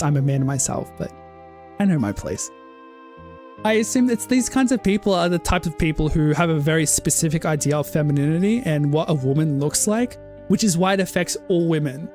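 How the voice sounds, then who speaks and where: On a casual livestream, a woman game streamer rants passionately, leaning heavily on "like" and cutting herself off to start over. Her voice is low with a somewhat dark tone.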